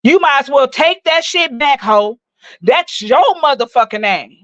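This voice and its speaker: A woman in her forties delivering a profane, mocking rant full of loud insults as she roasts someone on her stream. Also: high voice, animated, unhurried, no room sound. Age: 40s. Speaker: livestream host. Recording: dull dry lo-fi recording.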